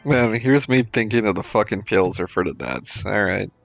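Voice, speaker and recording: A man's voice: lowish voice, moderate pace, vocal fry, over music. A man giving casual, profane, slangy reaction commentary while playing a video game. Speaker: gameplay streamer.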